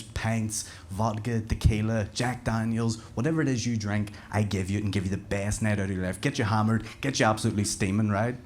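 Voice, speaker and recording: A Northern Irish man working a live comedy crowd with a slightly low voice. He is cheeky, swears freely and rises loud and high for his punchlines. The room's ambience sits clearly behind him. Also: a little hiss or hum. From Northern Ireland. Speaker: stand-up comedian. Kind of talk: stand-up comedy set. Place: live comedy venue with an audience.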